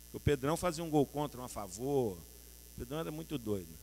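A Brazilian man preaching a sermon with a Brazilian Portuguese accent, telling the story in colloquial, lively style and often addressing the audience directly. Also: mid-range voice, fast talker, long reverb tail, slight background noise.

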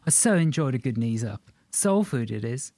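A man's voice: mid-range voice, big pitch swings, moderate pace, dark tone, no room sound. A man voicing a cooing, gushing posh woman in an audiobook.

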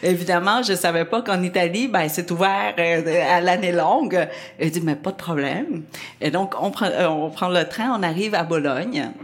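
A woman with a Québécois accent recounts a personal anecdote to an audience. She is animated and laughs often through the telling, in a slightly low voice. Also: moderate pace. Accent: Québécois French. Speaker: storyteller.

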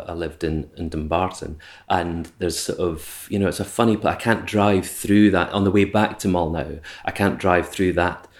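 A Scottish man in his forties, the interview guest, recalling his childhood in a reflective, hesitant way with many restarts. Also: sits low. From Scotland. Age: 40s. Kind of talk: casual conversation.

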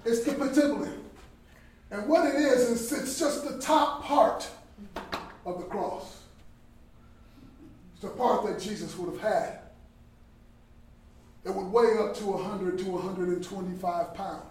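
High-voiced man preaching in an echoey hall. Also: unhurried, pauses often. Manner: animated storytelling, shifts between shouting and quiet. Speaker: Bible study speaker. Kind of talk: sermon. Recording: echoey hall, distant, faint noise.

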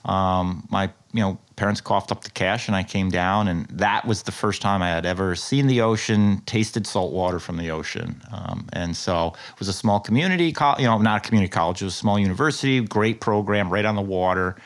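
A man's voice: sits low, brisk, hardly any pauses. Middle-aged man, New York-Long Island blended accent. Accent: Western New York blended with Long Island. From rural western New York, USA. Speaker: interview guest, marine scientist. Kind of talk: casual conversational storytelling.

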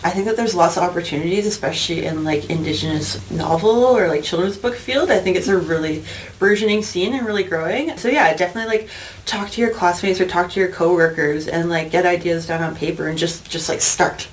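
A woman guest talking on a casual podcast, upbeat and encouraging. Her voice sits a little low for a woman. A faint hiss lies under it. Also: brisk, rough recording. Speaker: guest illustrator. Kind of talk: casual interview answers.

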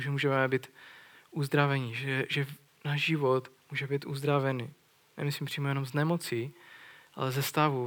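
A man's voice: fairly high pitch, a bit bright. Earnest man preaching a sermon. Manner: earnest, retells scripture with questions to listeners.

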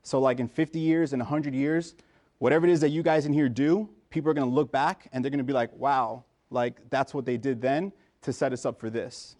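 A man's voice: medium pitch, steady tone, a little fast, a little mellow. A man from the United States, a pharmacist in his thirties, giving a casual talk to pharmacy students in a lecture room, with lots of fillers and restarts. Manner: informal, many fillers and restarts. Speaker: guest speaker, pharmacist.

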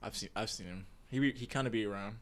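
A man's voice: fairly low pitch, quick pace. A young man chatting casually with a slangy frat-bro manner. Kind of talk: casual chat.

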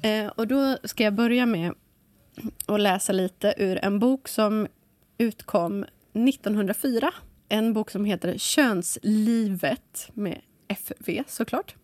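A woman with a Stockholm accent hosting a podcast, chatting casually and reading aloud with a playful deadpan. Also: mid-range voice, no echo. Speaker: podcast host.

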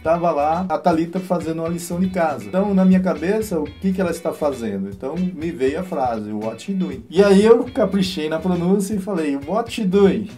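A Brazilian man in his fifties, a father, telling a story in a lively, casual chat and often tagging his sentences with a quick question. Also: fairly high pitch, faint music behind. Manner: lively storyteller, frequent "né?", laughs as he tells.

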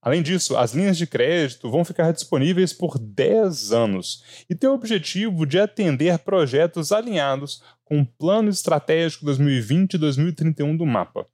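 A man's voice: on the high side, moderate pace, few pauses, dry recording. Man reading news, dry close sound. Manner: relaxed, chatty asides to listeners. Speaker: news podcast co-host. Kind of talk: scripted news reading with casual asides.

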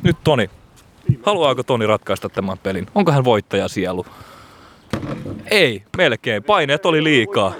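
A man's voice: medium pitch, background noise. A man giving playful, theatrical mock sports commentary as a radio host at an outdoor basketball court, recorded on a portable recorder. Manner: theatrical, bursts into excited shouts.

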